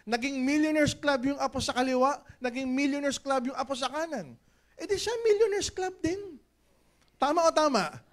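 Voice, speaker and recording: A middle-aged man gives an animated, jokey motivational business speech on stage in a large event hall, calling out to the audience for call-and-response at a moderate pace. He booms on punchlines and drops low for asides.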